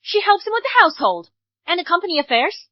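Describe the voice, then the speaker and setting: A woman's voice: very high voice, very animated, fast, no room sound. A woman dubbing an indignant mother firmly defending her daughter. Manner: firm, indignant. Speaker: bride's mother. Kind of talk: English drama dub. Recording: dull dry studio dub.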